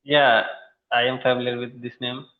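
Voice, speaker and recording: Indian man learning English, halting speech, tinny phone-like audio in a roomy space. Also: mid-range voice, flat delivery. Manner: halting, hesitant. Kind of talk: casual conversation practice. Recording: tinny echoey call audio.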